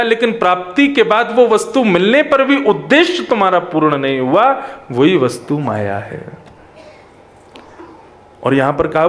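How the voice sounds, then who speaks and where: A man's voice: high-pitched, a bit bright. A man preaching a devotional sermon, emphatic, with wide swings between raised and dropped phrases. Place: religious gathering at a pilgrimage site.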